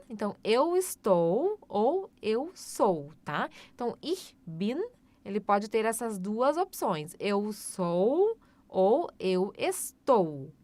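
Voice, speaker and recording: A woman, teaching German in a slow, patient language lesson and repeating each phrase. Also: medium pitch, a little mellow, no room sound. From Brazil.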